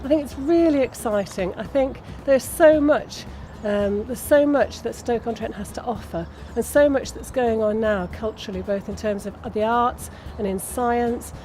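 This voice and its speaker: An enthusiastic woman gives an interview in a mellow, fairly high voice, with faint street noise around her. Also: normal speed, few pauses.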